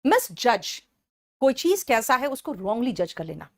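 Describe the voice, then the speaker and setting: Woman exam-prep teacher, Indian English accent, slightly high pitch, patient and explanatory. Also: sing-song. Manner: explains each word slowly, checks in with students often. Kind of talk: exam-prep vocabulary lesson.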